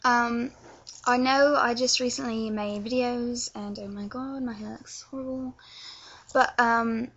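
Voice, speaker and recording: A woman from London, England, with a London accent speaks in a slightly high, fairly bright voice, keeping a steady tone and measured pace. In a casual tutorial vlog she hesitantly explains accents, often stumbling over her words. The recording has a dull, lo-fi webcam sound.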